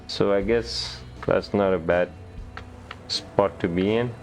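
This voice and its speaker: A man giving relaxed gameplay commentary, thinking aloud with hesitant restarts. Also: deep voice, slow pace, soft background music. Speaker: gamer.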